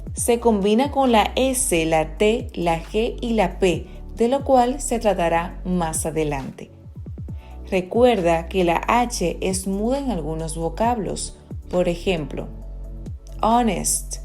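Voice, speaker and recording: Very slow woman teaching pronunciation. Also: mid-range voice, darkish tone. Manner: slow, measured, reading example words aloud. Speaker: language teacher. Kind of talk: scripted pronunciation lesson.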